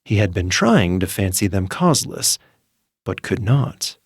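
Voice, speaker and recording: Guy doing a creepy nervous madman for a horror audiobook, theatrical, really slow, super close dry sound. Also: low-pitched, very animated, husky, dry recording, full character voice. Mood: brooding, sinister. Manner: theatrical, deliberate, emphatic repetitions. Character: nervous, gleefully sinister madman confessing a murder. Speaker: narrator. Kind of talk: dramatic first-person horror audiobook narration.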